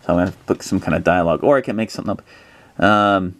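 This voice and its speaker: A man's voice: low voice, fast talker, no echo. A man narrating a solo tabletop adventure, thinking aloud with plenty of hesitations as he rolls and decides. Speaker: solo tabletop game player.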